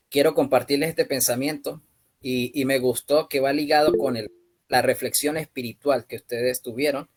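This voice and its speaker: A man in his thirties from Venezuela with a Venezuelan Spanish accent, leading a youth-ministry class over a video call and speaking at a measured pace with frequent hesitant fillers. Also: mid-range voice. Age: 30s. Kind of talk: online class presentation.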